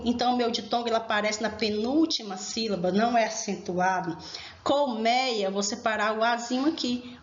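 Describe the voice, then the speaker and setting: A woman teacher giving a recorded grammar lesson, explaining slowly and emphatically and speaking directly to her students. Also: a little high. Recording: echoey room, dull lo-fi sound.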